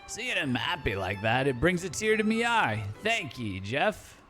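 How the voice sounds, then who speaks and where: A man's voice: a little high, big pitch swings, measured pace, a bit bright, soft background music. A man voicing a grateful, toothless old retired pirate, speaking with a wavering, savoring delivery. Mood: touched.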